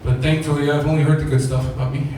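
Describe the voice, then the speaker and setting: A man doing crude, irreverent open mic stand-up comedy with a deadpan joke delivery. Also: on the high side, racing. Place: small basement comedy club with audience. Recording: very echoey room, distant mic, clear noise. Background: room ambience and noise.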